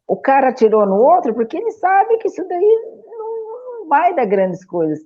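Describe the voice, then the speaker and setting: A woman on a talk show panel who speaks forcefully in firm, declarative statements. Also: very high-pitched, very animated, normal speed. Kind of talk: opinionated talk show discussion. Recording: dull, muffled lo-fi sound.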